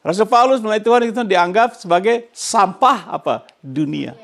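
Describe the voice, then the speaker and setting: An older pastor preaches a lively, animated sermon, chuckling often and slipping English phrases into his speech. His gravelly voice sits high and moves at normal speed.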